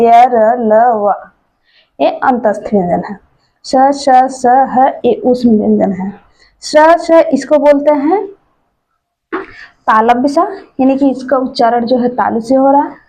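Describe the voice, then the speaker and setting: A woman teaching an exam-prep grammar lesson, drilling slowly and reciting letters one by one. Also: sits high, mellow, breathy edge, poor audio.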